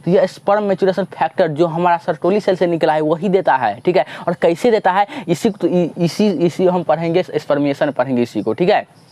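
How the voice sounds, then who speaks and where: A man teaching biology in a classroom lecture style, repeatedly asking questions and answering them himself, pushing students to answer loudly. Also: on the high side, fairly quick, no echo. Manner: drills with repeated call-and-response questions.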